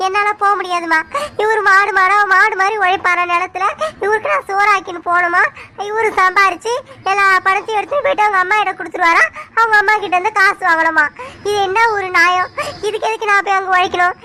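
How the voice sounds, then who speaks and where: A woman's voice: extremely high pitch, steady tone, fast talker, sharp tone. An actress playing a stubborn young daughter-in-law who complains indignantly about her in-laws. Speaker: actor. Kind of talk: Tamil family drama acting.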